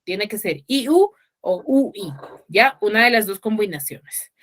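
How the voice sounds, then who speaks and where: A woman's voice: medium pitch, expressive, a little slow, fairly bright tone. A woman teacher giving an online class, patient and checking in with students often. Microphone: video call.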